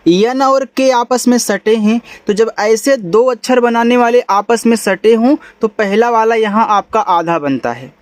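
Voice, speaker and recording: Young man, teacher, high voice, patient, repeats and checks in, dry close sound. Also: dry recording. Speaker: English teacher. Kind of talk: step-by-step spoken lesson.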